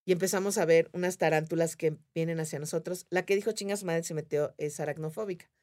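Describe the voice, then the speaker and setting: A woman with a Mexican accent tells a story in relaxed conversation. Her voice sits a little low for a woman. She jumps into the voices of the people in the story as she goes. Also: quick pace. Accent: Mexican Spanish. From Mérida, Mexico. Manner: animated, acts out voices of others in her story. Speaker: podcast guest. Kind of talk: casual storytelling.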